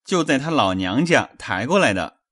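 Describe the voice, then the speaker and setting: A woman voicing a frightened young male servant who pleads and hurries through his confession in a lowered voice. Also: very animated, moderate pace, fairly bright tone, breathy edge, heavily acted. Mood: cowering, pleading.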